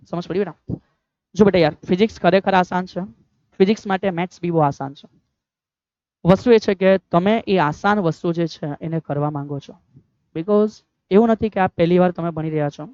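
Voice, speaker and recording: A man teaching physics in a quick, high voice with a Gujarati accent, fatherly toward his students and constantly asking them questions. The sound is dry and slightly dull, with no room echo at all. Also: a little mellow. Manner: fatherly, keeps calling students "beta", asks rhetorical questions. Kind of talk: online exam-prep lecture.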